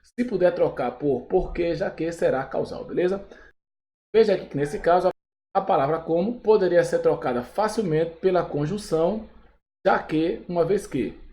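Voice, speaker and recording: A man's voice: on the high side, moderate pace, warm tone. Brazilian man teaching an exam review. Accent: Brazilian Portuguese. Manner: explains step by step, checks in with "beleza?" after each point. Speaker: Portuguese teacher.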